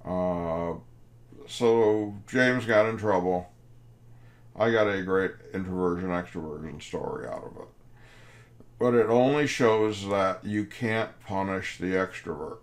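A man in his fifties lectures like a professor, spinning a wry anecdote. His voice sits low, and he takes his time. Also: a little slow. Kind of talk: storytelling lecture.

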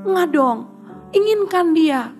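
A woman's voice: extremely high pitch, expressive, slow, a little mellow, soft background music. A woman preaching a conversational sermon. She makes playful asides to the audience and acts out prayers in a pleading voice.

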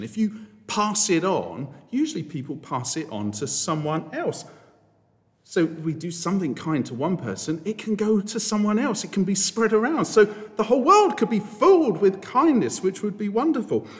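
A priest giving a playful, jokey school assembly talk and asking the children questions. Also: male voice, high voice. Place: church. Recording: reverberant church.

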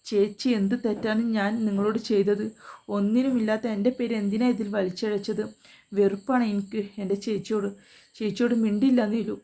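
A woman's voice: mid-range voice, fairly even intonation, brisk, dark tone, natural voice. A woman voicing a frightened young woman who pleads through tears, in a spoken family story. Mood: hurt, resigned. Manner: tearful, pleading questions.

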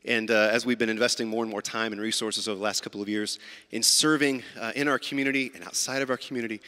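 A man leads a church service as pastor, talking casually and stumbling over his words with fillers and restarts. His voice is bright and forward, and it rings through a large church sanctuary with a long reverb, as heard on a livestream. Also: on the low side, fairly even intonation, fast talker. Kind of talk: church announcements and prayer.

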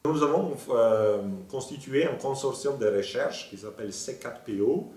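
A man's voice: medium pitch, moderate pace, a little mellow, far from the mic. A man, explaining his research in a thoughtful interview with some hesitations, filmed in an office with bookshelves. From Italy. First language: Italian. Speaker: planetary scientist. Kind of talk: interview monologue. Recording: roomy, from off-mic.

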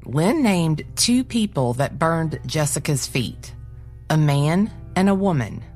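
A woman hosting and narrating a true crime show in a measured, scripted delivery. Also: low voice. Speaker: host, narrator.

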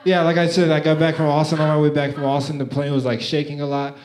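A man's voice: a little high, level tone, fast talker, a little mellow. A young man doing a stand-up comedy set on a club stage, often laughing sheepishly at himself between jokes. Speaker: stand-up comic. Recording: echoey club with a laughing crowd. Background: audience laughter.

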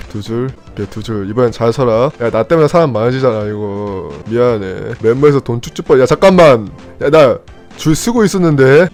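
A man's voice: mid-range voice, darkish tone. Chatty young man narrating his gameplay. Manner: chatty, teasing, talks to viewers. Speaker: gaming YouTuber. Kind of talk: live gameplay commentary.

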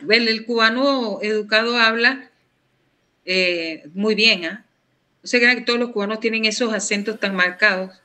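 A woman's voice: on the high side, normal speed, bright, forceful tone. A woman co-hosting a casual live stream, reading viewers' comments and laughing often. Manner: laughs often, plays with a put-on Cuban voice and English.

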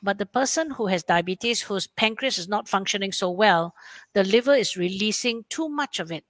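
A woman's voice: mid-range voice, animated, moderate pace, fairly bright tone, dry recording. A woman endocrinologist with a Malaysian English accent answers webinar questions, explaining plainly and acting out what her patients say.

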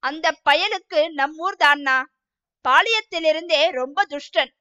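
A woman's voice: sits high, unhurried, sharp tone, highs cut off. A woman voicing an older male village trustee gossiping about a local rogue, in a storybook reading. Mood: gossipy.

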